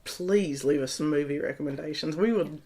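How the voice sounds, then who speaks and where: A woman's voice: deep voice, moderate pace, warm tone. A woman co-hosting a podcast, chatting casually with crude jokes and frequent laughter. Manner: giggly, joking, crude banter. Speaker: podcast co-host. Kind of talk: casual chat.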